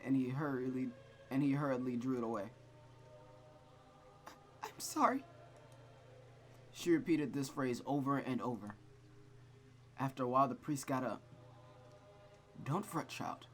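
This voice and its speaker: Reading a visual novel aloud as host, this man keeps drifting into casual, rambling commentary that's self-deprecating, and he stammers often. His voice is mid-range, with slight background noise. It's a let's play reading session.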